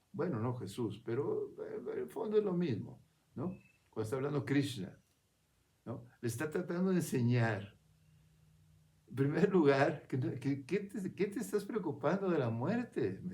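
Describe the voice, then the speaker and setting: A man with a slightly raised voice gives a reflective spiritual talk. He speaks in an unhurried, conversational way and often turns to his listener for a quick nod. He restarts phrases as he works his thoughts out aloud. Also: a little high, darkish tone. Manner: conversational, keeps checking in with "¿ves?" and "¿no?".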